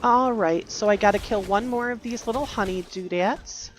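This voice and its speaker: A woman's voice: mid-range voice, moderate pace, soft background music. A woman giving casual, rambling commentary while playing a video game, musing aloud and correcting herself. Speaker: gaming youtuber.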